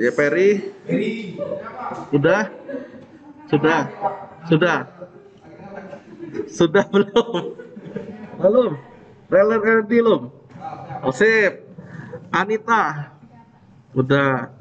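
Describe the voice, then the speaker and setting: A man's voice: fairly high pitch, fairly bright tone. A male teacher taking the roll in a classroom, casual and teasing as he checks each student one by one. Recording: dull lo-fi classroom recording.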